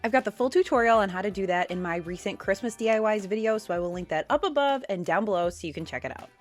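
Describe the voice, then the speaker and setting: A woman's voice: mid-range voice, expressive, fast, soft background music. Upbeat woman talking through a DIY craft. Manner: upbeat, chatty how-to explaining. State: nasal from a cold. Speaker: DIY home decor creator. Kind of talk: casual DIY tutorial narration.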